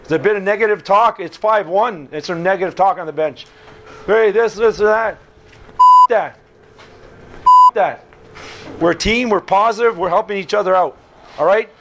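Hockey coach, male, high-pitched, punchy repeated phrases, noisy locker room. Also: moderate pace, pauses often. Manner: emphatic, repeats short phrases. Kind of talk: locker room pep talk.

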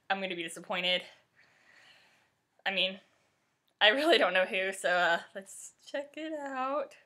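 A young woman chatting excitedly to her camera at home while unboxing a music album. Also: fairly low pitch. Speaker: vlogger. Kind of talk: casual unboxing chat.

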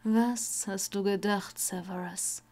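A woman voicing a dying older wizard, bitter and cold, who rasps and often sinks to a weak whisper. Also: medium pitch, steady tone, slow pace, darkish tone. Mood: rasping weak. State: coughing, ill.

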